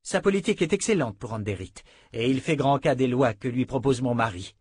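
A man's voice: medium pitch, expressive, fairly quick, slightly rough, no room sound. A man voicing a timid, shaken young noblewoman who speaks politely and a little strained. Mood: nervous politeness.

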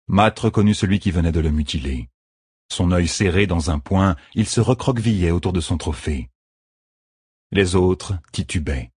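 A man reading an audiobook in a measured, even way, as scripted narration. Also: sits low, husky, no echo, studio quality.

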